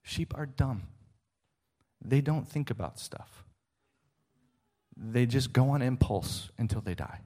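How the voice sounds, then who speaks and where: A middle-aged man preaching a sermon with an emphatic, rising delivery. He poses question after question and checks in with his listeners. His pitch sits in an ordinary male range. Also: expressive, slow, long pauses, dark tone.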